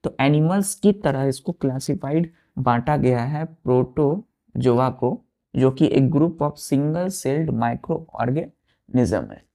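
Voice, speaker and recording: A male science teacher with an Indian English accent works through a lesson at a slow, deliberate pace. His voice is dark and gravelly, with a creaky edge. He repeats terms, spells them out letter by letter and checks again and again that the pupils follow. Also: medium pitch, animated. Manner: slow and repetitive, spells words letter by letter, keeps asking if it is clear. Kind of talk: classroom lesson at a board.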